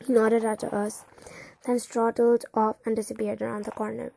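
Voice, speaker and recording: A woman reading a first-person novel aloud in a calm, even storytelling manner. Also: on the high side, normal speed, creaky. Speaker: audiobook narrator. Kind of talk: first-person audiobook narration.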